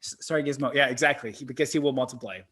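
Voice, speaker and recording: A man chatting as a podcast co-host, reacting to a film with excited, profanity-laced energy. His voice sits at an ordinary middle pitch, and his talk is loose and conversational. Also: rapid-fire, slight background noise. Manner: excitable, swears freely. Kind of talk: casual movie-reaction chat.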